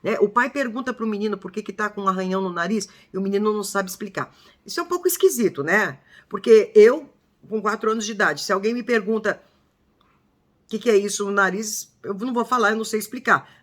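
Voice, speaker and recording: A woman's voice: medium pitch, animated, fast. An older woman from Brazil talking casually to her viewers, acting out quoted speech with emphasis. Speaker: vlogger.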